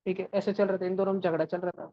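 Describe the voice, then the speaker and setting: A woman's voice: fairly low pitch, racing, highs cut off. A woman teaching a science lesson, explaining through a playful story. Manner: animated storyteller, mixes English terms into explanation. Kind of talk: classroom lecture with playful storytelling.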